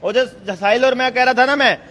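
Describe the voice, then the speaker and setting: A man with a very high, bright, forceful voice speaks to a meeting in an emphatic, conversational way, chuckling between points. His voice rings with a long reverb from the hall. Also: fairly quick. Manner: emphatic, conversational, laughs often. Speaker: speaker addressing a political meeting. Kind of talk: rousing speech to a meeting.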